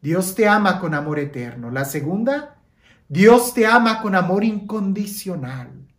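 A woman's voice: mid-range voice, very animated, measured pace, echoey room. A woman preaching a Lenten sermon, dramatic, sinking to a near-whisper on key phrases and asking listeners questions. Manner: asks listeners rhetorical questions, leads breathing prayer.

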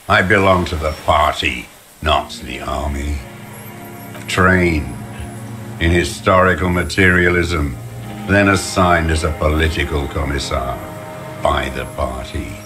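Loud music sits behind an older male actor voicing a bitter, defiant communist deserter in a video game. His rumbling low, gravelly voice is slow, contemptuous and exaggerated, delivered like a doctrinaire ideologue.

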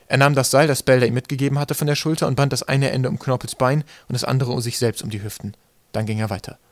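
A man reading an audiobook in calm, steady narration. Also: mid-range voice, no room sound. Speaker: audiobook reader. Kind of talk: scripted narration.

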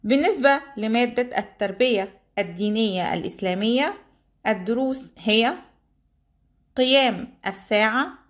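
A woman teacher with an Egyptian Arabic accent, steadily reading out a list of exam topics for students. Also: fairly high pitch.

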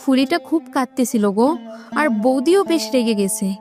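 Casting: whiny greedy cartoon aunt, high and swooping, music under it. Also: female voice, lively intonation, brisk. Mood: sulky. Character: greedy aunt Shefali, grown woman, sulky.

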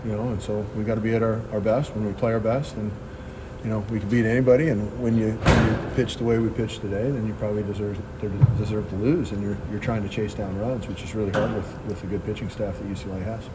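A middle-aged man, a head baseball coach, answering reporters at a postgame press conference with plain, quick answers and frequent restarts. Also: on the low side, fairly even intonation, heavy background noise. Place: press backdrop at a ballpark.

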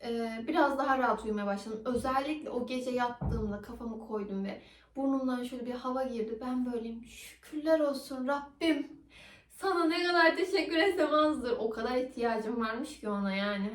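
A young woman vlogger telling a personal story in a casual, animated way, acting out the dialogue. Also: fairly high pitch, recorded from a distance. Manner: animated, acts out quoted dialogue. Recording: roomy echo, somewhat off-mic.

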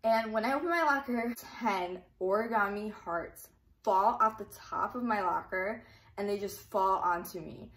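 A woman's voice: medium pitch, measured pace, a bit bright. A young woman telling a personal story in a casual, chatty way, full of fillers. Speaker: YouTuber.

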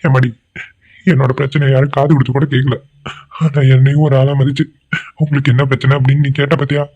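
A man's voice: mid-range voice, little pitch movement, quick pace, darkish tone, husky. A man voicing a remorseful, self-pitying middle-aged man who drinks, pleading and lamenting in a cartoon drama. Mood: sorrowful. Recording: tinny phone-like sound.

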